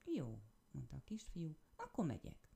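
A woman's voice: low voice, huge pitch swings, gravelly, dark tone, exaggerated voice. A woman reading aloud voices a curious little boy in a storybook tale. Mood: eager.

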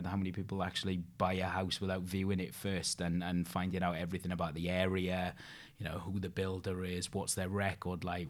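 British guy with a low voice, chatting through advice as a guest, kinda rambly and informal. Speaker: interview guest, investment expert. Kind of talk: conversational explaining.

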